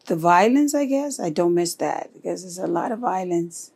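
A woman from Honduras being interviewed for an oral history, answering softly and hesitantly with many fillers. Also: on the low side, lively intonation, moderate pace, vocal fry, breathy edge.

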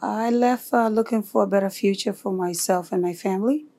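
A soft-spoken woman from Honduras, answering interview questions in a hesitant, unhurried way full of fillers. Her voice has a gravelly edge, and her pitch sits in the middle of the range. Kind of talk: oral history interview.

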